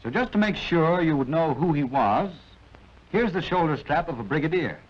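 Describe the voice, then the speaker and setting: On a dull, band-limited vintage film soundtrack, a man with an American accent narrates a 1940s military training film. He sounds a little high and animated at a normal speed, instructing in a clipped way and adding wry asides.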